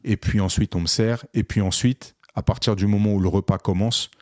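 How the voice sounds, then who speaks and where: Male co-host, lowish voice, animated storyteller, dry close sound. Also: brisk, no room sound. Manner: animated, re-enacts dialogue with many fillers. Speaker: podcast co-host, photographer. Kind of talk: casual storytelling chat.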